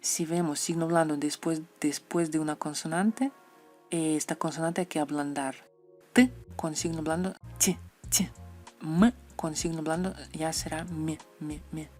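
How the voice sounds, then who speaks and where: Woman teaching letters, deep-ish voice, says sounds over and over, soft music behind. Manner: repeats example sounds slowly, playful asides. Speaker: Russian language teacher. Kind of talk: explaining letters and their pronunciation.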